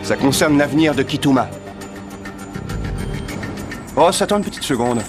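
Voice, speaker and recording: An actor playing an urgent, quick-thinking male field agent in a French-dubbed action series. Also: mid-range voice, animated, natural voice. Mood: focused. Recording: music behind the voice.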